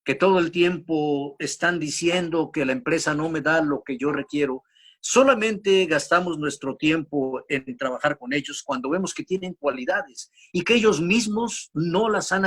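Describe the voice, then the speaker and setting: A middle-aged man hosting a radio show on business leadership, telling a parable and acting out shouts and echoes. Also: fairly high pitch, slightly rough. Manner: storytelling, acts out shouts and echoes. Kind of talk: motivational business talk with a told parable.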